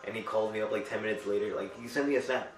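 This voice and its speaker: A young man with a fairly low voice tells crude, laughing stories in loose chat among friends. He sounds distant from the mic, in a roomy, echoing space. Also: racing, soft background music. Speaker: pizza shop worker.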